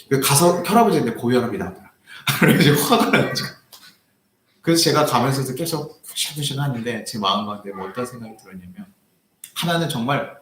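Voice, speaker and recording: A young man preaching a sermon as pastor, telling a personal story and acting out a heated argument. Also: medium pitch. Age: young adult. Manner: animated, acts out quoted arguments in raised voice. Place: church sanctuary. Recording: echoey church hall.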